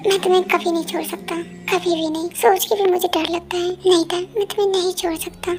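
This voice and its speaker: A woman's voice: extremely high pitch, flat delivery, quick pace, background noise. A woman voicing a young man who keeps pleading and soothing his angry girlfriend in a fan audio drama. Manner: pleading, soothing, repeats please. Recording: music playing behind.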